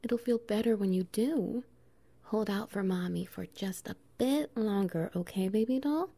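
A woman performing an intimate audio roleplay, talking softly and teasingly, slipping into whispers and low laughs. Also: a little slow, vocal fry.

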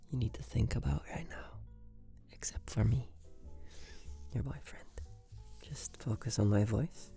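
A man in a whispered role-play as a tender, soothing boyfriend, murmuring sweet nothings in a soft, breathy voice. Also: on the low side.

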